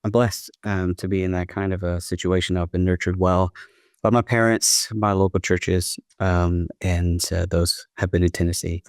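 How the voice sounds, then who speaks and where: A man's voice: low voice, steady tone, normal speed, clean tone, no room sound, studio quality. A middle-aged man from the southern United States, a college principal talking as a podcast guest in an earnest, conversational way. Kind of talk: podcast interview.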